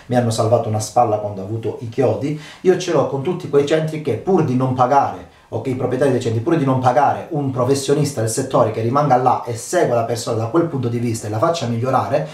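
A man hosts a fitness channel and talks to camera in a relaxed, unscripted way. He speaks emphatically and keeps asking whether his listeners follow him. His voice sits at an ordinary pitch and sounds roomy and slightly distant from the mic. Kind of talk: casual talk to camera. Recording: echoey room, voice away from mic.

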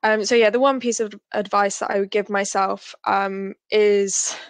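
A woman's voice: mid-range voice, little pitch movement, moderate pace, dry recording. A young woman in her twenties, a graduate engineer giving chatty advice to students over a video call, with many ums and likes.

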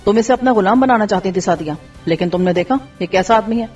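A woman's voice: medium pitch, a little mellow, close to an everyday voice. A woman voicing an arrogant male tyrant ruler who speaks in a cold, commanding manner, in a storybook narration. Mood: imperious. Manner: imperious. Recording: dull distant recording with faint music.

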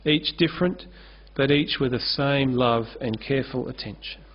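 This is a dull, lo-fi recording of a pastor's sermon from a church stage with a curtain backdrop. He speaks earnestly into a lectern-mounted mic at a moderate pace, his voice mid-range, gesturing freely throughout.

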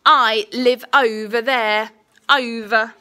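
A young woman, a primary school teacher, giving a school dictation for a spelling test with deliberate enunciation, repeating each word. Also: fairly high pitch, fairly even intonation, sharp tone. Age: young adult. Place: small indoor classroom. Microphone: phone at arm's length.

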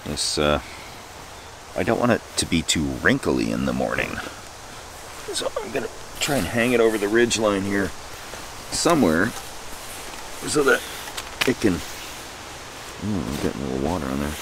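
A camping vlogger in his forties films a casual vlog in the woods at night and in the morning, talking to a nearby camera with dry, wry asides. His deep voice is sing-song and a little slow, with frequent pauses against a noisy background.

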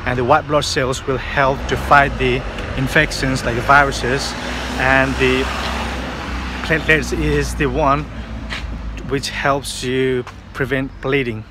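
A man in his thirties talks to a phone held at arm's length, rambling through fillers and restarts. His voice stays flat and even in pitch. Street and car noise comes through clearly behind him. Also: slow. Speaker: vlogger. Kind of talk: casual vlog to camera. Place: outdoors on city streets, partly in a car.

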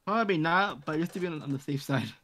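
A man's voice: a little high, fast, fairly bright tone. A man joining a gaming stream, chatting casually and teasing the host. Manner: teasing, playful. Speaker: guest co-player. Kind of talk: casual chat while gaming. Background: background game music.

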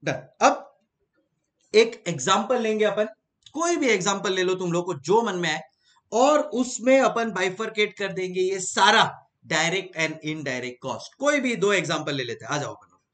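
A man's voice: sits high, animated, moderate pace, fairly bright tone. A man with an Indian accent teaching a live online class, asking rhetorical questions and answering them himself and repeating key terms so students can note them down.

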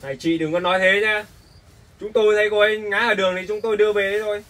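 A man's voice: high voice, steady tone, racing, a bit bright, recorded from a distance, rough recording. A man playing a stern police officer who warns a woman to behave. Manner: stern, warning. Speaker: actor in a family skit.

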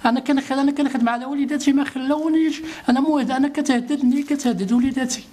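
A man's voice: very high voice, steady tone, rapid-fire, mellow. A man with a Moroccan Arabic accent, a citizen pleading for help in a street interview and repeating his grievances insistently.

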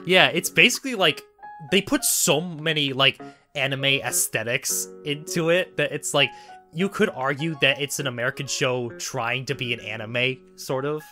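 A man in his twenties hosting a casual chat, animated and giggly, acting out little quotes as he talks. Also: medium pitch, normal speed, faint music behind. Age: 20s. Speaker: podcast host.

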